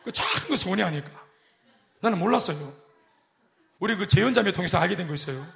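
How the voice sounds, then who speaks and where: A middle-aged man preaching a sermon as pastor, animated and joking, acting out quoted voices. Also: high-pitched, quick pace, gravelly. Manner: animated, acts out quoted voices and jokes with the congregation.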